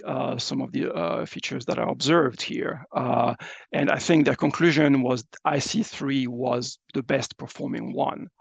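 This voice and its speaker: A researcher presents science slides, explaining them haltingly and hesitantly with frequent fillers. His voice is a little high and creaky, recorded with no room sound.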